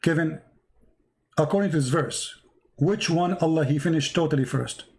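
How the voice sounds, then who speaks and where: A fairly high-pitched, darkish male voice at a moderate pace belongs to a debate host who isn't an English speaker and is losing his voice. Live on air, he reads out verses and pushes a caller with question after question.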